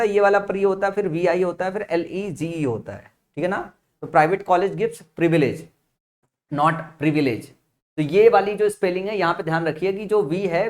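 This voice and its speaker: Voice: mid-range voice, darkish tone. A teacher giving an exam-prep lesson, spelling words out letter by letter and often checking in with the listener. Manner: explains with memory tricks, repeating key points.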